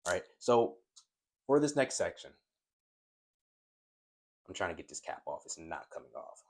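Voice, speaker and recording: This man coaches trading in a relaxed way at a whiteboard, talking straight to his viewers as "guys." He speaks in a low voice at a moderate pace and stutters when excitement takes over.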